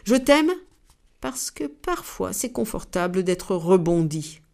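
A woman's voice: mid-range voice, sing-song, slow pace, gravelly, full character voice. Brief: tender soothing dove, storybook, read by a woman. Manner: soft, kind and soothing. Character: gentle loving female dove.

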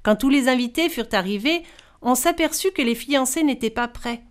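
Woman storyteller, fairy-tale reading. Smooth, resonant, somewhat high, expressive. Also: normal speed.

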